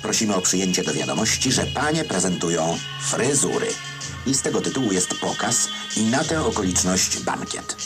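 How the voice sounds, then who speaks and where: A man's voice: low-pitched, lively intonation, moderate pace. A man reads scripted old newsreel narration in a wry, ironic manner. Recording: newsreel soundtrack with loud music behind. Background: music.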